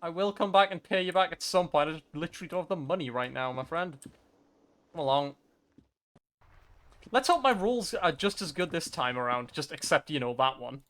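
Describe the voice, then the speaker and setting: A man giving chatty, excitable let's-play commentary, reading game dialogue and joking aside. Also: fairly high pitch, fairly quick. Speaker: gaming streamer.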